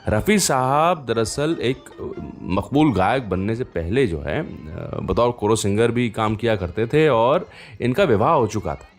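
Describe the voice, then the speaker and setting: On his music radio show, a man speaks in a medium-pitched, animated voice at a measured pace. He's chatty, recounts anecdotes as if talking to each listener personally, and uses rhetorical fillers often.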